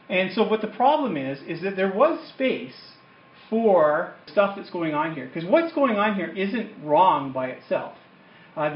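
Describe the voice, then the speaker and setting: A man's voice: on the high side, slight background noise. A man, giving an informal, conversational Bible lecture and explaining as he goes. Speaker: Bible teacher. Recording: echoey room, dull lo-fi sound.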